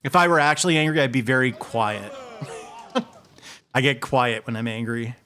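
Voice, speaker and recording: A man with a medium-pitched, bright, pushed voice livestreams a retro video game at a moderate pace, joking and chatting with his viewers and laughing often as he plays. His casual game commentary is addressed straight to chat, with a little hiss or hum in the background.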